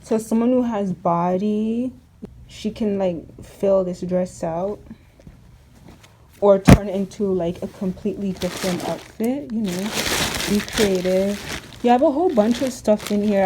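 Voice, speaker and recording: A woman's voice: mid-range voice, a little slow, background noise. A young woman vlogging casually, rambling and chatty with lots of fillers while sorting clothes at home. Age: young adult. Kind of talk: casual vlog chat.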